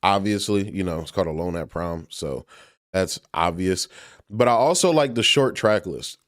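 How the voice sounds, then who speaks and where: A man's voice: low voice, animated, moderate pace, dry recording, studio quality. Laid-back slangy male music reviewer. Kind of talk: casual reaction commentary.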